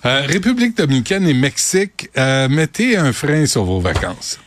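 A man's voice: mid-range voice, sing-song, normal speed, slight background noise. A man hosting a radio show, with dry, laid-back banter. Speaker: radio host. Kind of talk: casual radio chat.

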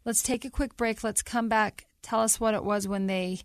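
A woman's voice: on the high side, steady tone, moderate pace, clean tone, no echo. Sympathetic woman hosting an interview. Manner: sympathetic, clarifying questions. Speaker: talk show host.

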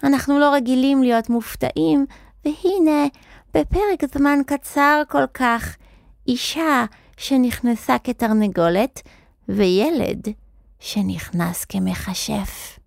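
A woman voicing an old, crooked, thin male wizard in a children's storybook, with a muffled, squeaky voice that barely moves the lips and a riddling, drawn-out singsong. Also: vocal fry, no room sound, clean studio sound. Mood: sly, riddling. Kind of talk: storybook character voice.

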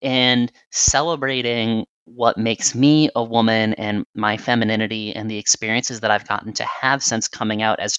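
A woman's voice: extremely low pitch, a bit bright, clean tone, dry recording, rough recording. A young adult woman giving earnest, reflective interview answers.

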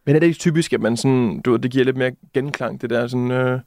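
A man's voice: medium pitch, darkish tone, dry recording. Male co-host, mid voice, chatty and boisterous; dead studio sound. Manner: rambling, enthusiastic, mock-boisterous. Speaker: radio podcast host. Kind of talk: casual studio banter. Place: radio studio.

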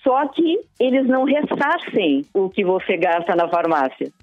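A woman's voice: mid-range voice, very animated, unhurried, no room sound, faint music behind. A woman calling in to a live radio show over the phone, chatty, with hesitant restarts. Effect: phone line. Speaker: caller. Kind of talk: live call-in chat. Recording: tinny phone line.

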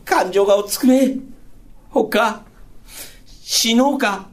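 A male rakugo storyteller playing a gruff, hard-drinking Edo fishmonger husband, with old speech. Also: sits high, slow pace. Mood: bewildered. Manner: gruff, boisterous, blustering.

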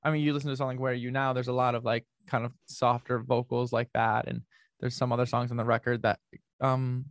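As an interview guest, a young North American man talks casually about his music, rambling from idea to idea with lots of "likes" and restarts. His middle-pitched voice barely moves in pitch and comes at a quick pace. The recording is dry and close with no room sound.

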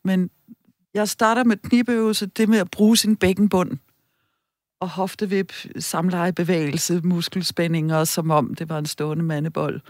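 A woman's voice: lowish voice, dry recording, studio quality. A woman guest on a radio talk show who speaks animatedly and laughs often. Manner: animated, laughs often, lists ideas quickly.

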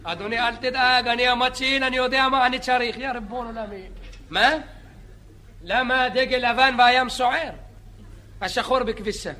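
A man playing a boastful, chatty beach lifeguard who rambles, jokes and yells at bathers in a comedy sketch. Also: very high-pitched, fairly even intonation. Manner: rambling, joking, shouting at bathers. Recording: live audience laughter and noise. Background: audience laughing.

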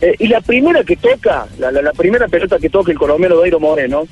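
Man, high voice, husky, Argentine Córdoba accent, effusive football commentator, dull lo-fi line, faint music behind. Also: big pitch swings, quick pace. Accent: Argentine, Córdoba region. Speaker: football commentator, interview guest. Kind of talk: live radio interview, conversational. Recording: muffled radio phone link, faint music.

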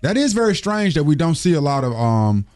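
A man hosting a morning radio show, joking in slangy, animated banter. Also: fairly high pitch, a little fast, faint music behind.

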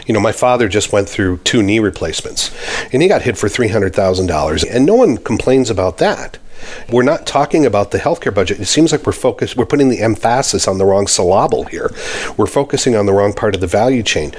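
A man's voice: on the low side, animated, fairly quick. A man interviewing a panel, talking conversationally and putting pointed questions to his guests.

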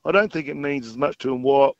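A man's voice: mid-range voice, fast, dry recording. A mature Australian man chats as a guest on a phone-in. His delivery is a laconic, unassuming drawl, matter-of-fact as he reminisces. The sound is dry and a little dull. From South Australia. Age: middle-aged or older. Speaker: retired footballer, interview guest. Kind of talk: casual interview reminiscence. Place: phone call into a radio show. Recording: slightly dull phone-in audio.

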